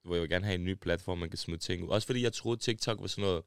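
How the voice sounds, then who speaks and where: A man's voice: low voice, vocal fry, clean tone, no room sound, clean studio sound. A man from Denmark, a podcast guest, talking in slangy casual chat that he tags with "bro" and "ikke?".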